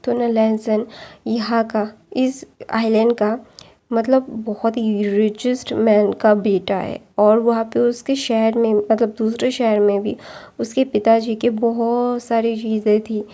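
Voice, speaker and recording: A woman narrates a long story in a loose, chatty way, filling pauses and restarting her sentences. Her voice sits fairly high but barely moves in pitch. The tone is dark and mellow. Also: flat delivery. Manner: rambling, many fillers and restarts.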